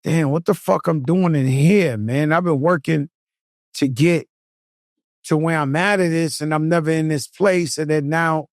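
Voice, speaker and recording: Middle-aged male podcast co-host, high pitch, dry close mic, animated profane storyteller. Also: dry recording. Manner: animated storyteller, profane, quick to act out other people's reactions. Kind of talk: casual chat.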